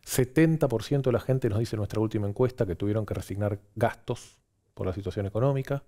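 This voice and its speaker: A man's voice: lowish voice, quick pace, mellow. A man with an Argentine accent, a pollster guest giving fluent political analysis on TV and listing his points one after another.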